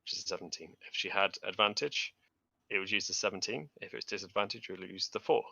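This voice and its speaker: A man runs an online tabletop game as game master. His low voice has a sharp, forceful edge and a creaky fry. It is recorded dry, with slightly limited sound. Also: quick pace, no room sound, muffled recording. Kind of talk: running an online tabletop role-playing game.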